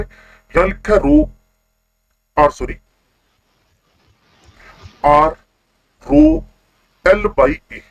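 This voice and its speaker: A man teaching a chemistry class online, constantly quizzing his students with quick questions. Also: high voice, poor audio.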